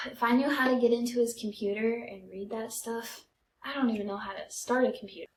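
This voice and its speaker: Chatting casually and telling personal anecdotes, the comedy podcast co-host, a young American woman, speaks a little high and fairly quickly with a steady tone. There's a faint hiss or hum, and the room sounds echoey.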